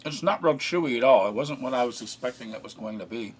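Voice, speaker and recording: A man casually narrating a food taste test, relaxed and chatty, often pausing with fillers as he eats. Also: medium pitch, breathy edge. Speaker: food reviewer.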